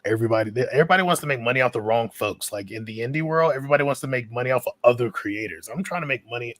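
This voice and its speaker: A man co-hosting a casual livestream chat, talking in quick bursts with lots of restarts and laughs. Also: mid-range voice, dry recording. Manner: animated, stumbling restarts, laughs often. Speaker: podcast co-host.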